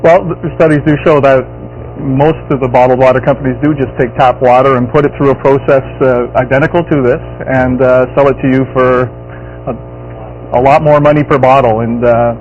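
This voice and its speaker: A man's voice: mid-range voice, fairly even intonation, brisk, a little mellow, soft background music. A middle-aged man giving a conversational product explanation as a guest expert on a shopping show. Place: TV studio kitchen set. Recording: lo-fi TV audio, faint hum.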